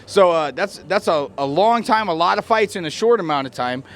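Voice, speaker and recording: A man's voice: high voice, expressive, a little fast. A man doing a casual sports interview in an informal, chummy way. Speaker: interviewer, former fighter.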